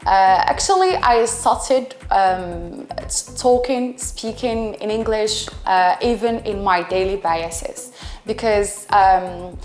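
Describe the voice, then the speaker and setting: Answering interview questions slowly and hesitantly in English, a twenty-one-year-old Algerian Arabic speaker often pauses to find words. She is an English student and teacher with a medium-pitched, slightly mellow voice, heard in an echoey room with faint background music.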